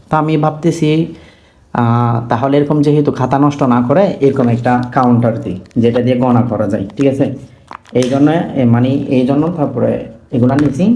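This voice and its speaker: A man, a Quran tutor gently scolding and coaxing his student on camera, asking question after question. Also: mid-range voice.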